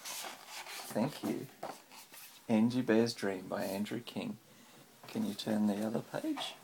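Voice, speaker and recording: A father reads a children's story aloud to his child in a low-leaning, gravelly, darkish voice at a slow pace, chatting between passages with encouraging questions. The recording is rough, made at home on a handheld phone, with faint background noise.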